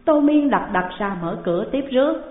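A woman slowly reading out a classical tale, on a tinny, echoing recording. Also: high-pitched, lively intonation. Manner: slow, measured reading. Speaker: storyteller. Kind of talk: scripted narration of a classical tale. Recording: tinny phone-like sound, long hall echo.

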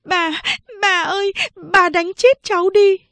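A woman's voice: very high-pitched, steady tone, a little slow, no echo, pitched above the performer's own voice. A woman doing a tender teenage big sister. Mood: pleading. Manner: soft, soothing, coaxing. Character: teenage girl, older sister, gentle and tearful.

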